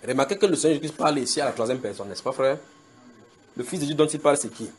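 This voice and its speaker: A man preaching a sermon at a house church, slowly repeating scripture and checking in with the congregation. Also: medium pitch, a little mellow, slight background noise. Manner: emphatic, repeats scripture slowly with call-and-response tags to the congregation. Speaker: pastor.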